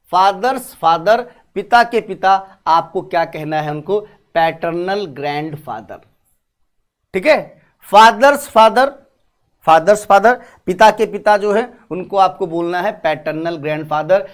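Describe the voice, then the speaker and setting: A man teaching an exam-prep class, repeating key terms and answering his own questions. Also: a little high. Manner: talks while writing on a board. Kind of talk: online exam-prep lesson.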